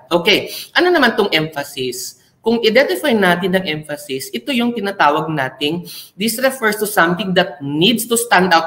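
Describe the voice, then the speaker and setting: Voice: medium pitch, pushed and bright, reverberant, rough recording. A teacher giving an online class lecture in a chatty way, checking in with the learners often. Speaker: senior high school teacher.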